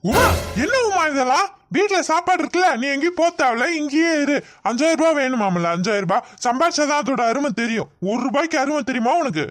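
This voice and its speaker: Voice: high voice, expressive, quick pace, fairly bright tone. A performer voicing an exasperated young husband in a cartoon, stuck between his wife and his mother.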